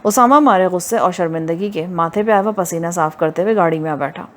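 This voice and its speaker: A woman narrating an audio novel in a steady, even reading voice. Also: lowish voice. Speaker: audiobook reader.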